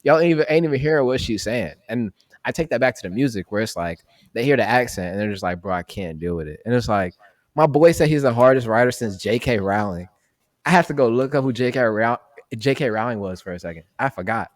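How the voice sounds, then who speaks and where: A man's voice: medium pitch, lively intonation, fast, dry recording. A young man co-hosting a podcast, talking loosely and rambling with lots of slang and fillers. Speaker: podcast co-host. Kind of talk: casual chat.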